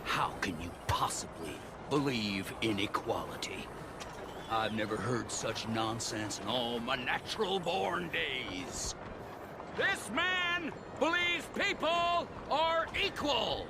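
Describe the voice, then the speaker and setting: An actor playing a pompous, indignant stranger who lectures and scorns in a video game. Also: male voice, lowish voice, expressive, takes it slowly. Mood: scornful. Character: pompous bigoted middle-aged man, ranting stranger. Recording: loud background noise.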